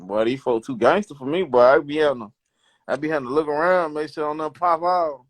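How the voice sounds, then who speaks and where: A man in his thirties speaks with an Alabama Southern accent in a dry, close recording. He is relaxed and slangy, giving short, casual answers in an interview. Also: fairly high pitch, a little fast, no room sound. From Alabama, United States. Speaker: DJ and rapper, interview guest. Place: small wood-panelled room indoors. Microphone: phone at close range, video call.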